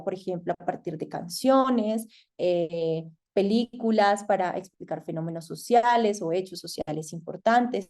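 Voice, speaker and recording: A woman with a Colombian accent giving an online masterclass, thoughtful and hesitant, pausing often with fillers. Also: mid-range voice, dark tone. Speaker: masterclass lecturer. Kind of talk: online lecture.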